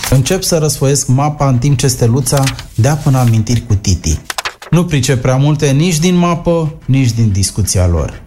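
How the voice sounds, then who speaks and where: Deadpan male comic storyteller. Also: medium pitch. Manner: dry, deadpan humor. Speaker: narrator. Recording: noisy recording.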